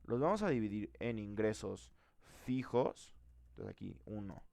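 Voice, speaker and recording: A man's voice: fairly low pitch, lively intonation, unhurried, vocal fry, a little mellow, dry recording. A man teaching a live programming class, thinking aloud and asking the students questions.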